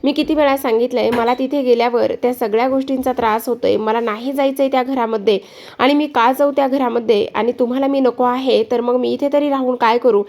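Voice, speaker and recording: A woman's voice: a little high, fairly even intonation, a little fast, a little mellow, lightly acted. A woman voicing a distraught young woman making bitter, pleading complaints in a retold serial.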